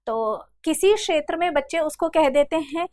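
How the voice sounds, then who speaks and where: High-voiced woman teaching grammar patiently. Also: animated, darkish tone, no room sound, studio quality. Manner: patient, addresses students as "beta", repeats examples slowly. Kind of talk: online grammar lesson over slides.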